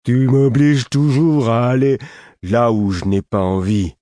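A man voicing a slow, grumpy, simple-minded servant who whines and drags his words. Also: mid-range voice, steady tone, dark tone, no room sound, clean studio sound, pitched above the performer's own voice, close to an everyday voice. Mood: weary whining. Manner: slow, drawn-out, whiny.

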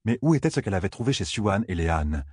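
A man reading a fantasy novel aloud in a measured, even scripted narration. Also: sits low, breathy edge, no room sound, studio quality. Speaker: audiobook narrator.

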